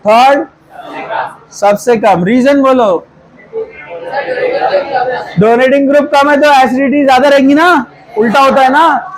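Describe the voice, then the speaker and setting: A man's voice: extremely high pitch, low-quality recording. A man teaching a chemistry class in a classroom, quizzing students repeated questions and coaxing them toward the answers. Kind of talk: classroom lecture.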